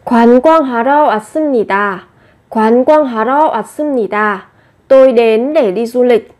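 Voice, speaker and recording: Fairly high-voiced woman teaching a language. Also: darkish tone. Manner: reads model phrases quickly then explains them slowly and carefully. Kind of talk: language lesson, explaining phrases.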